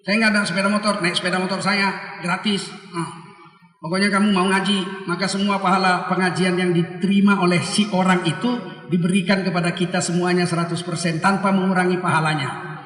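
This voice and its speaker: A man gives a humorous sermon, animating little scenes of everyday talk. His voice sits high and bright. He is recorded at a distance in an echoey hall. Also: a little fast. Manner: lively, acts out dialogues with raised voice. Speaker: preacher.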